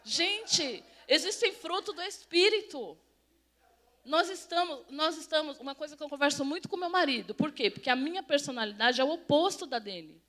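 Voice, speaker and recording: High-voiced Brazilian woman pastor preaching. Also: animated, normal speed, fairly bright tone. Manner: chatty, quizzes the congregation directly. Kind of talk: conversational sermon. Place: church sanctuary.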